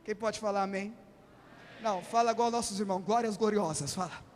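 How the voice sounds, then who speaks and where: A man preaching a sermon as a bishop, impassioned and often shouting in a church hall. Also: high-pitched, fairly even intonation, brisk, slight background noise. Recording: long hall reverb.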